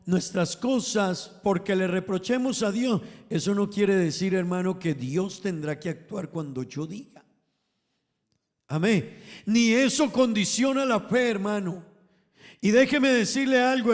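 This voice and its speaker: High-voiced preacher in a reverberant hall. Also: male voice. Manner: emphatic, swells and drops in volume, addresses congregation as brothers. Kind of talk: sermon.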